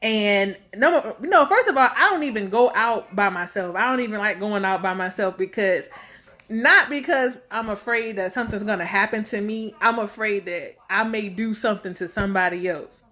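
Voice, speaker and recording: A woman's voice: mid-range voice, normal speed, pushed and bright. A woman in her thirties talking casually to camera as a vlogger, rambling and outspoken, filling her talk with fillers. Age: 30s. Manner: blunt and outspoken.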